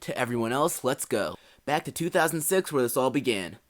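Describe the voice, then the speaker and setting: A man's voice: mid-range voice, animated, brisk. A young man giving a scripted, earnest album review with dry asides, hosting his own video. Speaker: music reviewer. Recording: faint music bed behind voice.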